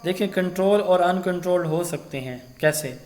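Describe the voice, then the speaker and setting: A man delivers a recorded lecture. His voice sits a little high, and he keeps asking questions and working through everyday school examples. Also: a little mellow. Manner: explains with classroom examples and quiz questions.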